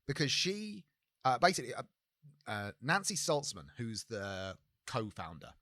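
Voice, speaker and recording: A man's voice: medium pitch, big pitch swings, a little slow, bright, forceful tone, no room sound. A man co-hosting a podcast in casual chat, with a blunt, sweary way of talking. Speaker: podcast co-host.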